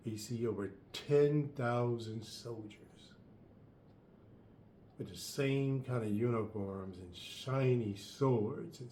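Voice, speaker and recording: A man speaking to listeners as a host, spinning a story with emphatic leaps in pitch and voice. His mid-range voice carries a roomy echo, with faint hiss underneath. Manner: lively storyteller, sudden pitch jumps, emphatic. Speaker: podcast host.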